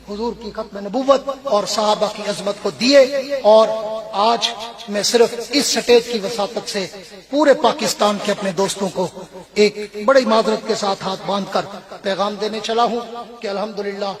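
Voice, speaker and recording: A middle-aged man with a Pakistani accent, a religious orator addressing a rally from the stage in an emphatic, devout and deferential way. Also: high voice. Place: large religious gathering stage. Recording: loud crowd noise behind. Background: crowd.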